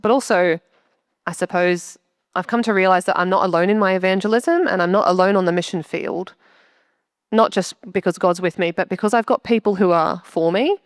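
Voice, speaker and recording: Earnest woman, low voice. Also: a little fast, no echo, clean studio sound. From Australia. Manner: earnest, heartfelt, chatty with many likes. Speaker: church member interviewed on stage. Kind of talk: church interview testimony.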